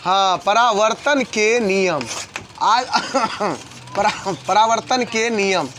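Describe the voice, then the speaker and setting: A man teaching a physics class to students. He talks fast and keeps repeating questions for the class to answer back. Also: high-pitched, fairly bright tone, a little hiss or hum. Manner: fast, repetitive call-and-response questioning.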